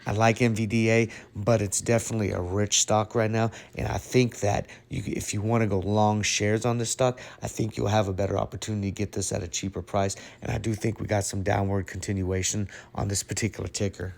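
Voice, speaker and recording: A man's voice: fairly low pitch, level tone, fairly quick, creaky, hardly any pauses, a little mellow. A man giving casual, emphatic market commentary over charts, checking in with listeners with "okay?" and "right?". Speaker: trading educator.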